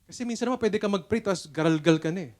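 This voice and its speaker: A middle-aged Filipino man preaching at a church service, his voice sitting a little high for a man. He tells stories earnestly and conversationally, moving easily between English and his own language. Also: rapid-fire, darkish tone. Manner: mixes English and Tagalog, storytelling, earnest. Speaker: pastor. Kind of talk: sermon.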